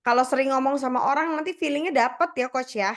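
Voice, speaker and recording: A woman's voice: sits high, fast talker. A woman moderating a casual online Q&A, reading audience questions and summing up the answers in a friendly, chatty way. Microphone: video call.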